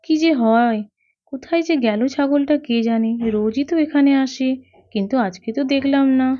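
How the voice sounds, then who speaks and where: A caring young mother, voiced by a woman in a children's doll story, who frets and talks to herself as she goes. Her voice sits high and bright. The recording is dull, lo-fi and dry. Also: moderate pace, dry recording, natural voice.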